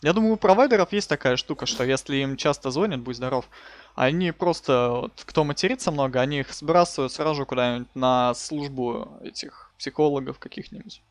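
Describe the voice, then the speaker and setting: A man's voice: mid-range voice, a little fast. A man giving casual, slangy live commentary as he hosts a gaming stream. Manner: informal, colloquial, slangy. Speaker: live streamer hosting a wrestling game stream.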